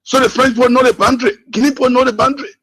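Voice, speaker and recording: A man's voice: very high-pitched, fairly even intonation, very fast, a bit bright, husky. A man from Liberia calling in to a radio talk show, arguing with rhetorical questions over a phone line. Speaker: caller. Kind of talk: call-in radio political commentary.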